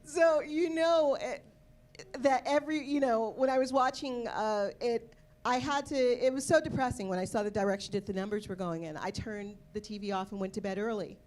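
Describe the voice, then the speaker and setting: A woman's voice: fairly high pitch, moderate pace, darkish tone. A woman performing a stand-up comedy set with a wry, punchy delivery. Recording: played clip of a stage show.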